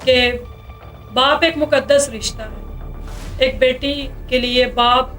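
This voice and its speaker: A woman's voice: high voice, a bit bright, faint music behind. A woman news anchor retelling a crime story dramatically and speaking directly to her viewers.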